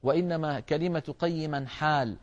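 Male recitation teacher, slightly high voice, measured and explanatory, dull lo-fi recording. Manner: measured, explanatory, addresses listeners as brothers. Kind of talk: tajweed lesson.

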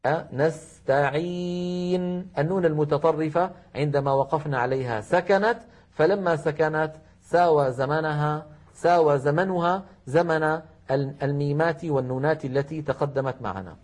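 Man, recitation teacher, husky voice, slow drawn-out chanting, brisk explanations. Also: fairly high pitch, darkish tone. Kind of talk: tajweed lesson with recited examples.

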